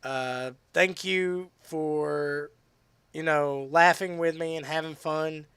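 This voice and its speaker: A man chatting casually on a game live stream, rambling with restarts and fillers, his voice tiring and going hoarse. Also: on the high side, steady tone, slow, fairly bright tone, no echo. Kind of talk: casual live-stream chat while gaming.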